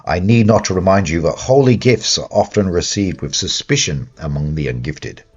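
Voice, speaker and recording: A man voicing a gentle, studious monastery abbot in his own plain voice, with formal wording and no accent. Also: low voice, animated, normal speed, husky, dull audio. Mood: grave.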